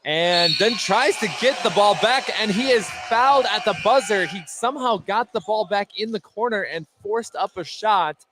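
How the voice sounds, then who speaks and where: A high-pitched man calls a basketball game live on radio at normal speed, with few pauses, keeping his descriptions short and clipped. Behind him, the noisy gymnasium is clearly heard, basketballs bouncing throughout.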